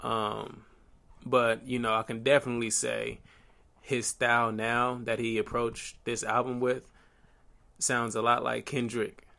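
A young man co-hosting a podcast, speaking slowly and thoughtfully with lots of fillers. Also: medium pitch, little pitch movement, vocal fry, bright, forceful tone. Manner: slow, thoughtful, many fillers. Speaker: podcast co-host. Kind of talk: casual chat.

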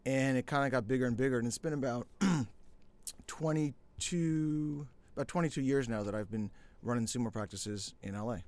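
A middle-aged man from the United States, a podcast guest who tells his story in a relaxed, self-deprecating way. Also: medium pitch, normal speed. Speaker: podcast guest, sumo federation founder. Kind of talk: casual interview talk.

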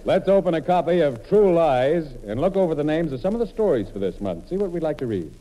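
On a noisy old radio broadcast recording, a male comedian and monologist performs scripted comedy narration, telling his story in mock-earnest fashion. His voice is a little high and sing-song, his pace a little fast, and the audio sounds dull.

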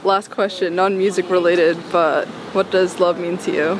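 A woman's voice: on the low side, flat delivery, moderate pace. A woman interviewing artists casually, offering short affirmations and simple questions. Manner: brief affirmations, laughs easily. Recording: noisy background.

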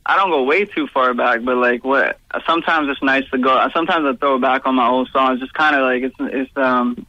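A young guest musician, born in Pakistan and raised in Virginia and the Toronto area, answers interview questions loosely and casually, peppering his speech with "like" and "you know what I'm saying." His mid-range voice is pushed and bright, with fairly even intonation and a moderate pace. The recording is muffled, with no room sound.

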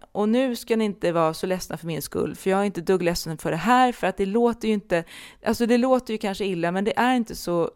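A woman's voice: fairly low pitch, darkish tone, clear, resonant tone. A woman hosting a podcast as a medium, talking candidly and reflectively, with frequent hesitations. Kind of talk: personal podcast monologue.

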